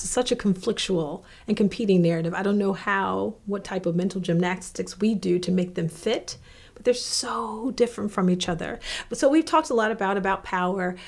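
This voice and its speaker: A woman's voice: mid-range voice, gravelly. Woman host asking reflective questions. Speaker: podcast host. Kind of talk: casual interview.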